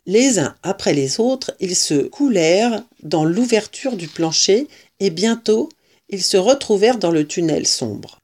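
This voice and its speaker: A woman reading a children's storybook aloud as narrator, slowly and expressively. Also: mid-range voice, darkish tone.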